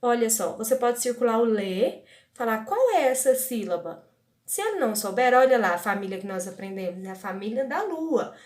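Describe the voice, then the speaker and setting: A woman's voice: a little high, roomy sound. A woman teacher, patiently advising parents and sounding out syllables step by step. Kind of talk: guidance video for parents.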